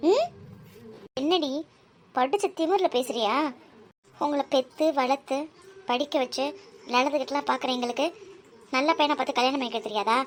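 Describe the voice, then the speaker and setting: A woman voicing a domineering middle-aged aunt in a cartoon, who scolds and threatens in a slow, heavy way. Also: sits high, slight background noise, lightly acted. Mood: scolding. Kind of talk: Tamil cartoon voice acting.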